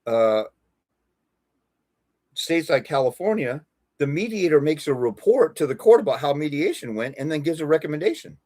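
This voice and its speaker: A man's voice: on the high side, big pitch swings, moderate pace, dark tone, no room sound. A middle-aged man hosting a live stream on fathers' rights, talking bluntly and casually, often acting out courtroom exchanges.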